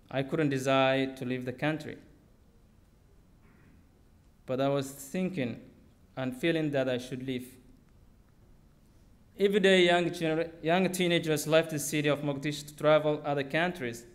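A young man from Somalia, reading a personal story aloud from notes at a lectern on a theater stage, into a podium microphone, with simple, steady phrasing. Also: a little high, moderate pace. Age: young adult.

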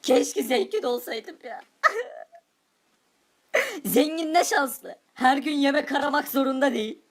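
A poor, envious game-world villager, voiced by a woman, wistful over what she lacks and bitter toward the rich. The voice is high and light, and it curses sharply. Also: a little slow. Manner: wistful, then bitter and cursing. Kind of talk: Minecraft role-play commentary.

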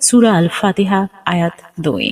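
A man giving a slow, careful lesson on pronouncing words in recitation, repeating each example. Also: high voice, sing-song, poor audio. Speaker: religious teacher. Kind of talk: Quran pronunciation lesson.

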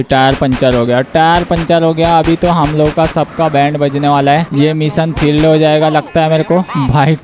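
A young man giving excited commentary over gameplay, shouting at the game and talking to viewers. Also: on the high side, slight background noise. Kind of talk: excited Let's Play commentary.

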